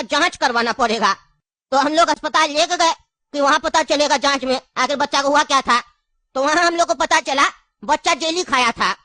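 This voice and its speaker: A woman's voice: high-pitched, bright, forceful tone, dry recording, studio quality. A woman voicing an elderly grandfather in a cartoon, cunning and grieving, with an insistent, coaxing way of talking. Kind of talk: cartoon voice acting.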